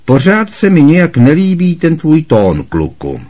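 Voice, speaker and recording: For a storybook reading, a man voices a bossy, loud middle-aged aunt who scorns the boy, booming, barking and harshly scolding. His blustering delivery is high, loud and lively with a husky edge, and the mood is scornful.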